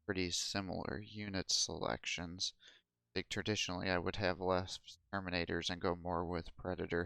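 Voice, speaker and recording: A man with a very deep, smooth voice talks through his strategy game match. He thinks aloud with hesitant fillers as he plays. The sound is dry and close. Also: fairly bright tone, dry recording. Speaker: gameplay commentator. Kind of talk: casual gameplay commentary.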